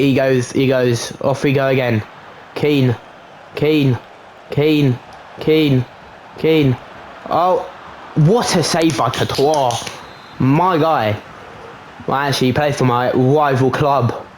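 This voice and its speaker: A young man casually commentating his own football video game match, chatty and self-mocking, getting excited at goals. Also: mid-range voice, a little hiss or hum. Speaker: gaming channel host.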